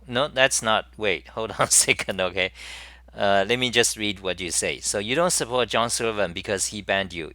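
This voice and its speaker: A man's voice: lowish voice, sharp tone, no room sound. A man hosting his own casual live-stream talk show, speaking in a rambling way with many fillers and restarts. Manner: reads viewer chat messages aloud.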